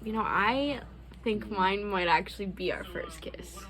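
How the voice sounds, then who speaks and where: A woman's voice: medium pitch, lively intonation, a little slow, rough recording. A young adult woman hosting a casual couple's Q&A vlog, chatting candidly with loose, profane phrasing. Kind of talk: casual chat.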